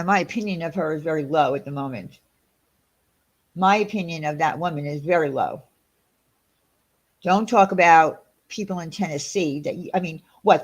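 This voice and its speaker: This woman speaks with a Long Island New York accent while hosting a casual livestream and reading the chat aloud. She rambles indignantly, full of fillers, in a slightly mellow voice that leans low.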